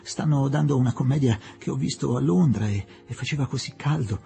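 A man voicing a mild, devout elderly Englishwoman who speaks softly, politely and a little hesitantly. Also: mid-range voice, brisk, vocal fry, husky.

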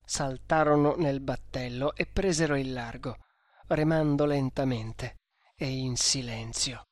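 A man reading an adventure novel aloud in measured storytelling narration. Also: mid-range voice, fairly even intonation, dry recording. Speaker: audiobook narrator. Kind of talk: scripted narration.

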